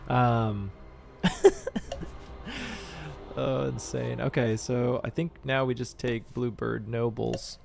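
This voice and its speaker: A man hosting a live stream of a board game, commentating as he plays and bursting into shouts and laughter. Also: mid-range voice, flat delivery, slow, creaky, pauses often, over music. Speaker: streamer and channel host.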